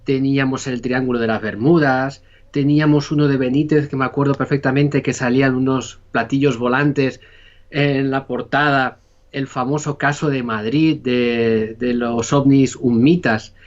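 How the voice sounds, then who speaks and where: A man's voice: medium pitch, fairly even intonation, moderate pace, dull audio. A man from Spain with a Spanish accent, a podcast guest telling his story in a casual, rambling way full of fillers. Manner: rambling, many fillers and restarts. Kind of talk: casual conversation.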